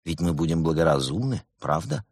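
A man voicing an animal police lieutenant playing good cop, calm and falsely sweet. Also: very deep voice, a little fast, gravelly, slightly rough, no room sound, clean studio sound, voice pushed down, exaggerated voice. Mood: coaxing. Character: same animal lieutenant turned soft, sugary good cop. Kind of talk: audiobook character voice.

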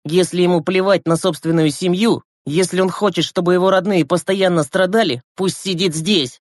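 A man reading an audiobook who voices a brash, impatient teenage boy with a sharp, forceful delivery. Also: sits high, steady tone, normal speed, no echo, clean studio sound, pitched above the performer's own voice, natural voice. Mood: scornful.

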